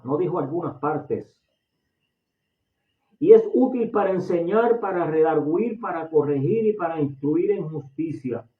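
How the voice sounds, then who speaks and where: A Puerto Rican man preaching an impassioned sermon in a fairly high voice. He repeats and restarts his phrases as he goes. The sound is thin and phone-like, caught from a distance in an echoey room. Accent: Puerto Rican Spanish. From Puerto Rico.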